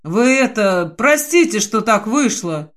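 A woman voicing an awkward, apologetic burly male security chief who speaks slowly and fumblingly. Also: a little high, expressive.

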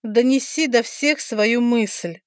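A woman's voice: a little high, no echo, voice pushed up, lightly acted. Stern goddess of death, proud and commanding, read by a woman narrator. Dry, close sound. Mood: stern, imperious. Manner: commanding, slow and emphatic. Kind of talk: audiobook character voicing.

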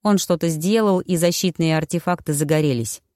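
A woman reading an audiobook, voicing an injured young nobleman, the narrator's brother, in a soft, subdued, tired way. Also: fairly high pitch, a little fast, dry recording, clean studio sound, lightly acted. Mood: weary, subdued.

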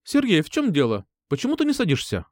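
A man's voice: high-pitched, wildly swooping pitch, fast, darkish tone, no room sound, clean studio sound, pitched above the performer's own voice. A man voicing a stern, exasperated woman schoolteacher scolding a pupil.

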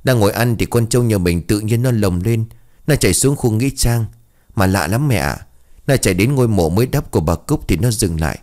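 A man's voice: medium pitch, expressive, brisk, a little mellow, pitched above the performer's own voice, natural voice. A man voicing a frightened, crying village boy who talks in tearful pleas. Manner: tearful, pleading.

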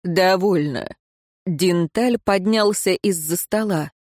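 A man narrates an audiobook in an even, steady storytelling voice. The recording is close and dry, with no room sound. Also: sits high, moderate pace, dry recording. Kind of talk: scripted narration.

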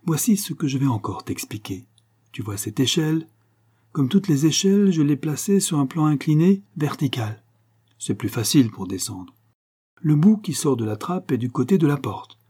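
A man voicing a cunning young crook who calmly lays out a plan, step by step, in a husky, dark voice. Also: on the high side, normal speed, pitched above the performer's own voice. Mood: calm, explaining. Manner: patient, explaining step by step. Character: cunning young male crook, calm schemer.

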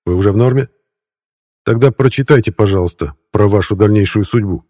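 A man's voice: lowish voice, brisk, warm tone, dry recording, clean studio sound, natural voice. A man reading the lines of a young man from the future, earnest and explaining, prone to furious outbursts. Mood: apologetic.

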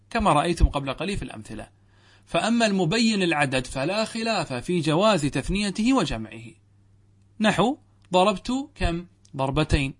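A middle-aged man teaches a grammar lesson as a sheikh, and his voice sits somewhat higher than most men's. He reads a passage aloud, then works through it in plain classroom commentary. He keeps checking that his students follow with short rhetorical questions. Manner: quizzes listeners with rhetorical questions; reads verse and text aloud, then explains it.

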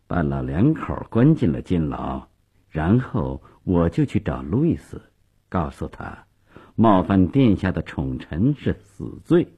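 A man voicing a sly male court secretary who plots in a low, partly whispered voice, in a radio story. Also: slightly rough, phone-quality sound, heavily acted.

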